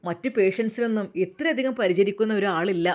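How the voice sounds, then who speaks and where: A woman's voice: medium pitch, brisk, close to an everyday voice. A woman voicing a cheerful hospital doctor who talks heartily to a patient. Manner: hearty, praising.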